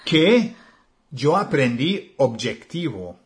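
A man with an English accent speaking Spanish, co-hosting a relaxed language lesson, slow and hesitant with many fillers. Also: medium pitch. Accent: English learner speaking Spanish. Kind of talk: casual conversational lesson.

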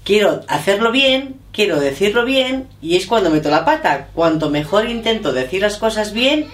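A middle-aged woman speaks at an ordinary, middle pitch. She talks hesitantly and corrects herself as she goes. The room around her is echoey. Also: very animated, moderate pace. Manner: hesitant, self-correcting, thinking aloud. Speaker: interviewee, learner of English. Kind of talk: casual chat.

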